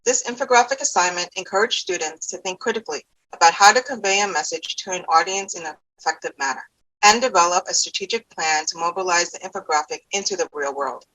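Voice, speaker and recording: A woman's voice: on the low side, quick pace, pushed and bright, low-quality recording. A woman presenting from a script, narrating an overview.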